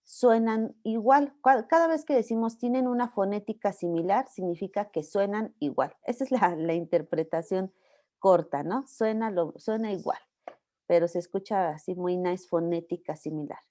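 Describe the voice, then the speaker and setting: Patient Mexican woman lecturer, explains slowly and checks in with students. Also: medium pitch, dark tone. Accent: Mexican Spanish. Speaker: university teacher. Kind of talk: online class lecture.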